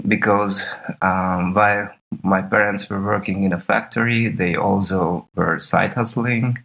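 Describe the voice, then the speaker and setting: A man in his thirties from Serbia, a podcast guest talking through his background in a slow, measured way with small laughs. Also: lowish voice, fairly bright tone, poor audio. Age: 30s. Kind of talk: podcast interview.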